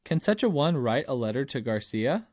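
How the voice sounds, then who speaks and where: Man reading an essay, dry and measured. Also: mid-range voice, sing-song, darkish tone, no room sound. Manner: measured, emphatic, slows on key phrases. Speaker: audiobook narrator. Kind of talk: scripted narration of an essay.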